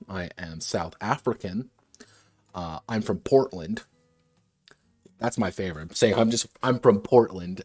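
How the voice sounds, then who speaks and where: With a low voice and no room sound at all, a man who designs games chats on a livestream at his desk. His workshop talk wanders into asides, and he often starts sentences over.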